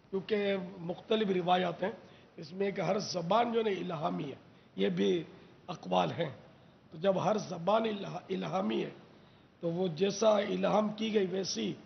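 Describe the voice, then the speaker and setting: A high, gravelly-voiced man from Pakistan hosts a religious TV talk, explaining words slowly and quizzing his listeners. The audio is dull and lo-fi. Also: slight background noise. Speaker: religious scholar host.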